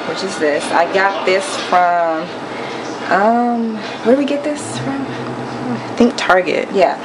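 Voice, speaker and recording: A young woman giving a relaxed, step-by-step cooking demonstration in her home kitchen. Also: on the low side, rough recording. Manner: relaxed step-by-step explaining with fillers. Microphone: camera held over the counter. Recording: loud kitchen noise behind voice. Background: pots, pans and sizzling.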